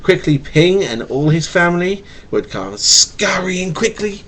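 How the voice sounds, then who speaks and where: A man with a slight stutter reads a picture book to his young child, playful and animated, tossing in casual asides. His voice is high and unhurried, captured on a home webcam mic with a faint hiss or hum.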